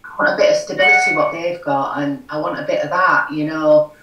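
A middle-aged woman from Yorkshire, England, with a broad Yorkshire accent and a deep voice, speaks fairly quickly and with fairly even intonation, loud music playing behind her. She chairs a recovery forum and joins a video call as an interview guest, talking frankly and earnestly and saying "you know" constantly. Recorded in a home room, the sound is echoey and she's far from the mic.

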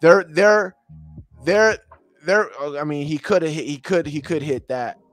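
A man's voice: a little high, measured pace. A man hosting a podcast, breaking down football film for his viewers in a casual way, thinking aloud and repeating himself. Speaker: podcast host reviewing game film. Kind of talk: casual film breakdown for a live stream audience.

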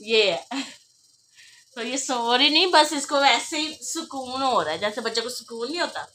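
Chatty doting woman with a bright, high voice. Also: animated, moderate pace. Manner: chatty, doting, often laughing. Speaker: vlogger. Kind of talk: casual home vlog chat. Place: home room indoors. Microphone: phone camera.

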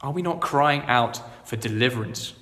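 A man preaching a sermon, earnest and conversational, moving between loud proclaiming and quiet reflection. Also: medium pitch, moderate pace, long reverb tail. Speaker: vicar. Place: church.

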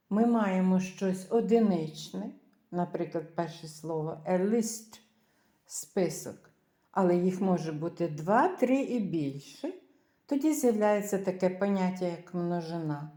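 Woman teacher, slow careful lesson, spells words letter by letter, echoey room. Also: lowish voice, expressive, mellow. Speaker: English teacher.

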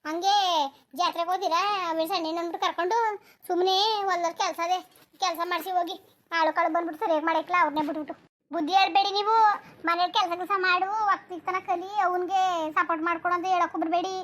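A woman's voice: very high-pitched, little pitch movement, fast, fairly bright tone. Woman voicing a scolding village mother. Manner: scolding, complaining at length. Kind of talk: cartoon voice acting.

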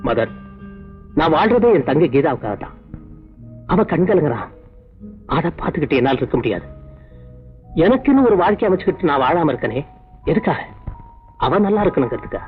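An actor playing a doting elder brother and film producer who talks fondly and persuasively. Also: male voice, fairly high pitch, big pitch swings, brisk, pauses often. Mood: earnest. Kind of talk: 1980s Tamil film dialogue. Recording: dull old film soundtrack with faint music.

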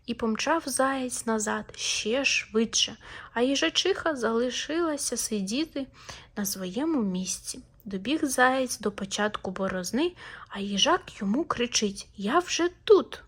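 Expressive woman telling a fairy tale. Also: fairly high pitch, a little slow, breathy edge. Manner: lively, expressive storytelling. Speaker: narrator. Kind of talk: audiobook fairy tale narration.

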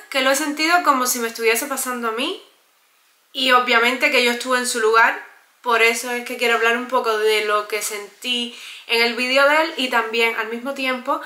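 A woman's voice: fairly high pitch, bright, forceful tone. A young Cuban woman with a Cuban Spanish accent, talking earnestly and emphatically to her viewers in a casual vlog. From Cuba. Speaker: vlogger. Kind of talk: casual vlog talk to camera. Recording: echoey room.

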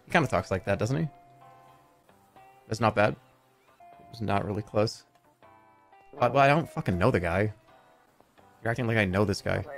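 Gravelly and lowish, this man's voice carries his animated, rambling livestream talk from home. He's in his thirties, speaks into a desk mic and swears a lot as he chats casually.

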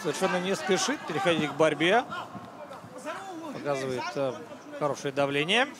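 High-pitched male live fight commentator. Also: lively intonation, moderate pace. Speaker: play-by-play MMA commentator. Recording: music and crowd noise behind commentary. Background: arena music and crowd.

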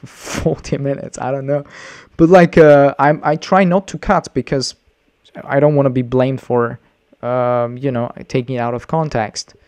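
A male English teacher comments on a video he is reacting to. He talks loosely and rambles, circling back with frequent restarts and filler sounds. His voice sits at an ordinary middle pitch. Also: a little mellow.

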